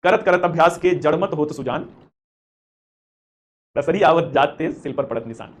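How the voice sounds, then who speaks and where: A man's voice: fairly high pitch, expressive, unhurried. A man teaching history to exam students in a live class. He is chatty and encouraging, calls students beta and mixes in English terms. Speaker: history teacher for civil service exam coaching. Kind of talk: live online class with chat questions.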